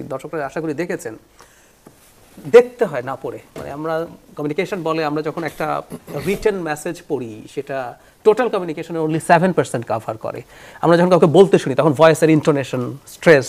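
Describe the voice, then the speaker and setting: Appearing as a talk show guest, a man offers political commentary in a high voice that swings widely up and down. He explains his arguments in an animated way, mixing English terms into his sentences.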